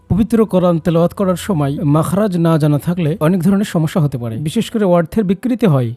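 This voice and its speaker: A man's voice: high-pitched, dark tone, dry recording. A man teaching Quran recitation step by step, patiently modelling each letter sound and encouraging the listener to repeat after him.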